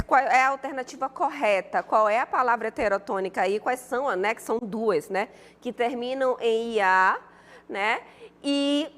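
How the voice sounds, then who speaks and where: A woman's voice: on the high side, fairly bright tone, big-room sound. Patient Brazilian woman teaching a class. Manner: patient, repetitive, reads student answers aloud. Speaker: Spanish teacher. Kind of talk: online class correcting an exercise.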